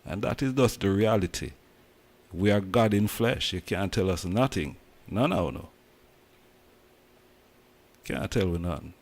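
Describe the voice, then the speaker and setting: A man's voice: low voice, expressive, a little slow, creaky, pauses often. A man from Jamaica with a Jamaican accent, talking emphatically in patois as host of a casual commentary.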